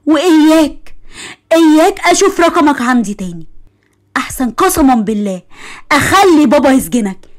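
A woman's voice: high voice, big pitch swings, moderate pace. A woman with an Egyptian accent voicing a heartbroken, emotional young woman in a storybook tale, tearful and pleading, fierce when angered. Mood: furious. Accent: Egyptian Arabic. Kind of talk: storybook voice acting.

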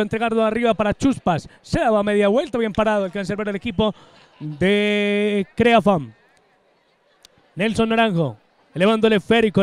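A man giving live match commentary as play-by-play announcer, in excited breakneck goal-commentary style with drawn-out shouts. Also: high voice, smooth, no room sound.

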